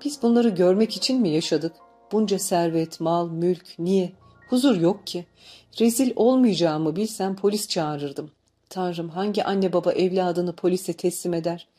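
A woman's voice: fairly low pitch, a little slow, soft background music. A woman voicing an anguished old grandfather, bitter and fierce, in an audiobook reading. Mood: bitter lament. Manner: shouting, bitter lament.

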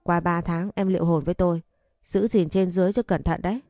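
A woman's voice: fairly low pitch, steady tone, a little fast, mellow, no room sound, studio quality, faint music behind, natural voice. A woman voicing a confident, doting young husband who teases bossily, in a story reading. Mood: teasing.

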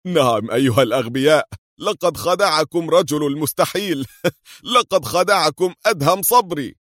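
Male narrator voicing a cheeky fat sidekick, pitched high, bold and loud, teasing. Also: moderate pace, no echo, clean studio sound, close to an everyday voice. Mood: laughing, shouting. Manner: teasing, playful. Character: jovial fat male sidekick, mocking captors.

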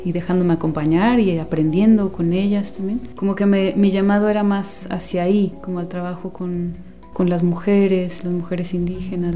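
A woman in her forties from Guatemala, a guest speaking softly in an interview and searching for words with many pauses and restarts. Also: fairly low pitch. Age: 40s. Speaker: guest, women's companion and former teacher. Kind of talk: unhurried interview talk.

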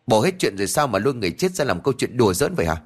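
A man's voice: medium pitch, big pitch swings, rapid-fire, slightly rough. A man voicing a stern elderly village man in a storybook narration. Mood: rebuking.

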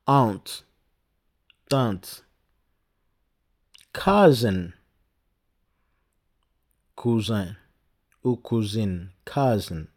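A man teaching an English lesson to pupils, repeating each word slowly so they can copy it, with hesitant fillers and restarts. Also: lowish voice, darkish tone. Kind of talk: slow language lesson.

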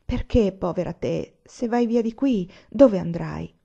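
A woman's voice: mid-range voice, expressive, gravelly, warm tone, breathy edge, heavily acted. A woman voicing an old widow who scolds and coaxes sharply. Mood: coaxing. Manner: scolding, brisk. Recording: dull lo-fi recording.

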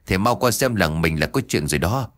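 A man voicing a frightened village woman who calls out loudly and urgently in a storybook tale. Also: animated, fairly quick, no room sound. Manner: shrill urgent calling.

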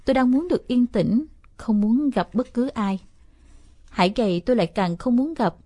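A woman reading a first-person story aloud as an audiobook narrator, steady and expressive. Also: fairly high pitch, moderate pace, no room sound, clean studio sound.

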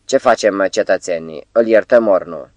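A man's voice: low-pitched, no echo, close to an everyday voice. A man voicing a mocking male sidekick with a bleating, goat-like voice and a menacing way of talking, in an audiobook.

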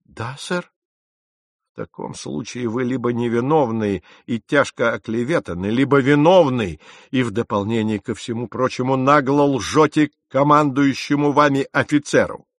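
A man's voice: mid-range voice, moderate pace, no echo, studio quality, natural voice. A man voicing a stern, furious naval captain in an audiobook, sarcastic and commanding. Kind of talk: audiobook character reading.

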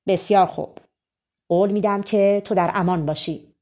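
A woman's voice: mid-range voice, fairly even intonation, a little mellow, lightly acted. A woman voicing a stern storybook king. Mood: relenting. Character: stern commanding male king.

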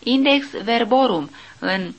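A woman narrating a nonfiction audiobook, reading reference lists in a slow, measured way. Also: a little high, animated, dull audio. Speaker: audiobook reader.

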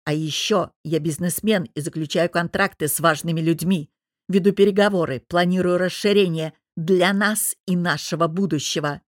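A woman reads a domineering young businessman husband, furious and jealous. He growls and snaps each line slowly and loudly, a touch below the reader's usual pitch. The sound is close and dry. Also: no echo, natural voice. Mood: angry shouting. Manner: growling, barking, hissing through teeth.

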